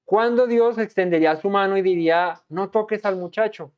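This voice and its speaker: A man's voice: high voice, normal speed, clear, resonant tone. Dramatic male preacher, lo-fi sound. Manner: dramatic, acts out the angels and God in voices. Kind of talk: verse-by-verse sermon.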